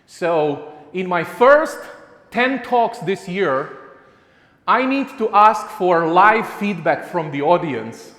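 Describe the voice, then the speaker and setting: Before a live audience in a conference hall with long, echoing reverb, a Romanian-accented man gives a chatty, self-deprecating talk packed with restarts and fillers. His high voice is fairly bright, slow and lively in intonation.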